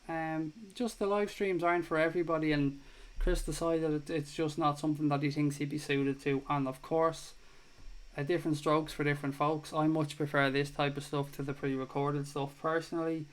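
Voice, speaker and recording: A man's voice: on the high side, smooth. An Irish man in his thirties hosting a casual live football chat stream, reading viewer comments and swearing now and then. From Ireland. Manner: chatty, swears casually, thanks viewers warmly.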